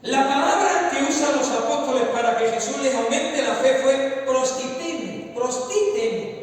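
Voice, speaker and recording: A man's voice: extremely high pitch, moderate pace. A male pastor preaching a sermon, stressing his points by repeating phrases. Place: church hall, echoey. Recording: echoey church hall from far off.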